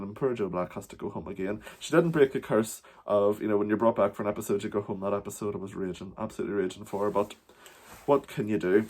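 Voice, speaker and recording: A chatty man with a lowish voice reviews an episode in a loose, rambling vlog. He talks from home in drag, swearing casually and dropping in "wee" often. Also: a little mellow. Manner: uses the word wee. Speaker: drag performer reviewing a TV show.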